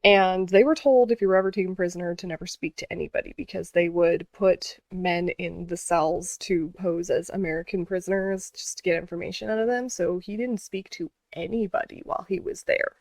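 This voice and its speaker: A woman's voice: lowish voice, fairly quick, few pauses, no room sound. A woman vlogger telling a story in a casual, earnest way, with many fillers and restarts.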